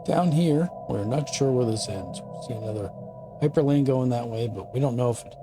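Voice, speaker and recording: A man in his fifties talks his way through a strategy game in a relaxed, mid-pitched voice. He chats easily, pokes fun at himself, and shifts into slow, careful reading whenever game text comes up. Game music plays clearly underneath him. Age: 50s. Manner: chatty and self-deprecating, slows down to read game text aloud. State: sleepy, yawning. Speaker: gaming channel host. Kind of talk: casual gameplay commentary.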